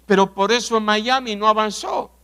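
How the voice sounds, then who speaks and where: A man from Argentina with an Argentine accent preaching a sermon, telling stories, asking rhetorical questions and often clearing his throat. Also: sits high, fairly even intonation, moderate pace, pushed and bright. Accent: Argentine Spanish. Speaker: pastor.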